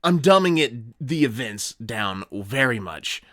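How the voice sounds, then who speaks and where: A man's voice: mid-range voice, sing-song, a little slow, fairly bright tone. A man co-hosting a casual chat, explaining things loosely and informally. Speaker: co-host.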